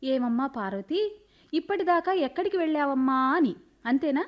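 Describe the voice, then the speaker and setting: Radio play: young woman as a bold, mischievous village girl, very high voice. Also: normal speed, dull audio. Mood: scheming. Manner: lively, teasing, mischievous.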